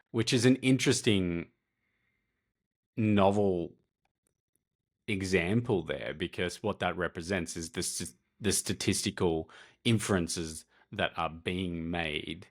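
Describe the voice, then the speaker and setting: A man co-hosting a casual podcast, speaking in a measured, reflective way with fillers. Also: low-pitched, fairly bright tone. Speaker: podcast co-host.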